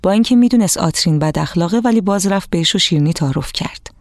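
A woman narrating a storybook for children, lively and expressive, speaking to the young listeners directly. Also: lowish voice, no echo, studio quality.

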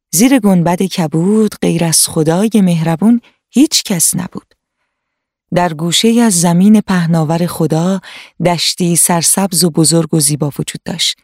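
Woman reading a kids' story, calm and even, lowish voice, dry close mic. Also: slightly rough, dry recording. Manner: calm, warmly paced storytelling. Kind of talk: children's story narration.

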